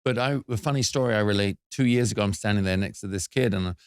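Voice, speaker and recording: A man hosts an interview from a studio, his voice sitting on the low side. He speaks earnestly and reflectively, and the recording is close and dry with no room sound. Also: fast, clean tone, dry recording. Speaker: show host. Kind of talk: casual interview chat.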